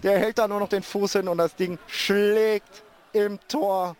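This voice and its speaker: A man doing live football commentary as a club reporter, excited and breaking into screamed goal cries. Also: high-pitched, unhurried. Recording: outdoor stadium ambience noise.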